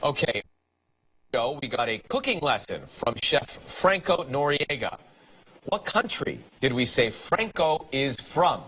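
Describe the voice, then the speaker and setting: A man co-hosting a morning talk show, upbeat and quick with presenter patter. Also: medium pitch, sing-song, fairly bright tone, slightly rough, poor audio.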